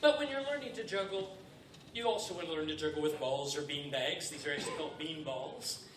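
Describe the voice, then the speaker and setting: Bungling kids party magician, higher-pitched man, echoey stage. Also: a little fast. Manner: feigned befuddlement, bumbling. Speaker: comic juggler and magician performing on stage. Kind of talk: live comedy juggling demonstration with patter. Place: stage before a live audience. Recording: noisy echoey stage recording from far off.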